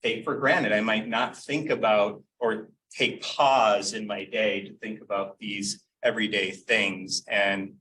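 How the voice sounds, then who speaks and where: Bright-voiced man, distant mic. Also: lowish voice, fairly even intonation, a little slow, few pauses. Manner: reflective, with fillers. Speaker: exhibit organizer. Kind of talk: event presentation speech. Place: event room. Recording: distant mic with faint room noise.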